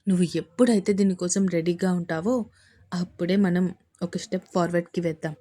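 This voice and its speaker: A woman voicing a young husband who teases his wife playfully and then speaks tenderly, her voice dropped low. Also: fairly even intonation, fairly quick, warm tone, natural voice. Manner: playful, coaxing, husky-toned.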